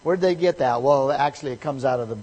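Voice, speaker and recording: A male pastor giving a sermon, reading scripture aloud and explaining it, swinging from loud to soft for emphasis. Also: mid-range voice, quick pace, rough recording.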